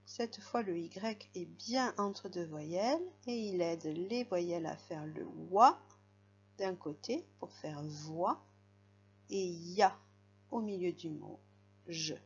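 A woman's voice: medium pitch, dull audio. A woman teaching a young child to read, patiently spelling out letters and sounds. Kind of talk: reading lesson for a young child.

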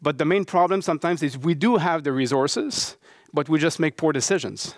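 Speaking at a moderate pace in a slightly high voice, a middle-aged Québécois professor and baseball coach from Quebec City presents at a conference in a university lecture hall. The studio-quality audio captures his French accent and an earnest delivery full of fillers and false starts.

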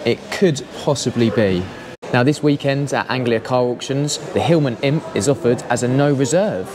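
A man's voice: mid-range voice, heavy background noise. Chatty young man on camera. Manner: chatty, easygoing, quick laughs. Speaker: car vlogger. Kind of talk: casual walkaround commentary. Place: outdoor car auction yard in rain. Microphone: action camera.

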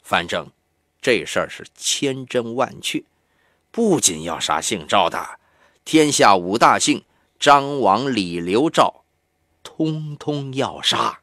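A man reading an audiobook, voicing a boastful, bound older male captive who talks low and scornfully. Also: big pitch swings, slow pace, fairly bright tone, no room sound, clean studio sound. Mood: smug.

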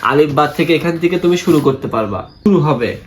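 A man's voice: on the high side, lively intonation, a little fast, a little hiss or hum. A man in casual conversation, patiently explaining something and often checking in with "okay?". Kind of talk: casual chat.

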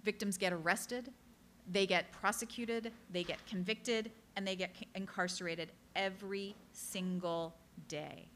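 A woman author speaking to a live audience, telling true cases in an earnest, direct way and dropping in quick apologetic asides. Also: medium pitch, steady tone, a bit bright, slight background noise. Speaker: author giving a book talk. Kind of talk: public talk to a live audience.

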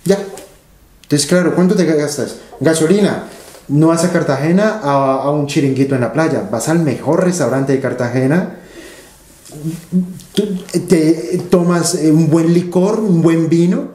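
A man's voice: on the high side, a little slow, mellow, echoey room, slight background noise. A man, an interview guest telling stories animatedly and repeating phrases for emphasis. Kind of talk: conversational interview storytelling.

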